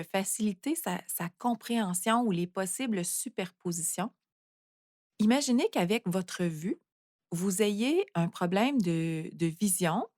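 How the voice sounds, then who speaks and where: Woman, podcast host, reflective, frequent fillers, mid pitch, dry close sound. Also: no echo. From Canada. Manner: reflective, many fillers and restarts. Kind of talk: calm explanatory monologue.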